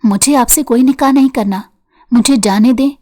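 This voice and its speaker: A woman's voice: sits high, dark tone, pitched above the performer's own voice. A woman voicing a frightened young woman who pleads tearfully while crying. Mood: weeping.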